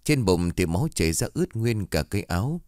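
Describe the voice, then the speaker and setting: Male storyteller for horror narration, very low voice, dry close recording, steady delivery. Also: fairly quick, no room sound. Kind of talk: scripted narration of a horror tale.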